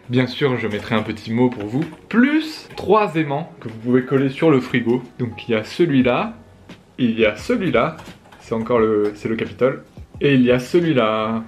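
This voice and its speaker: In a casual vlog recorded in an echoey room with soft background music, a young French man with a mid-range voice answers questions from viewers. He switches between French and Chinese and keeps things playful, joking and laughing at himself.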